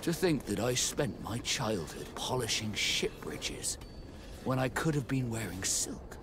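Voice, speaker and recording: A man playing an earnest, discreet naval captain with a measured delivery in a video game cutscene. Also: mid-range voice, lively intonation, background noise, close to an everyday voice. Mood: moved, reflective. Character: naval captain, Vasco, earnest man seeking his origins.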